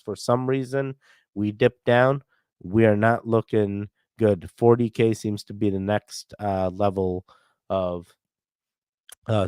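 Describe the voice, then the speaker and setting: Talking straight to his viewers and chat, a man casually runs a crypto livestream about price charts while stuffed up with a cold, using headphones with a mic. His mid-range voice is a little mellow, clear and resonant, in a dry, clean studio recording.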